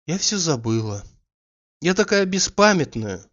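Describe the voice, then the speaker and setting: Man voicing a young woman, proud, touchy, impatient, higher voice, audiobook character, muffled recording. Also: sing-song, unhurried, a bit bright. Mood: flustered. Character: young woman, agitated, proud, quick to take offense.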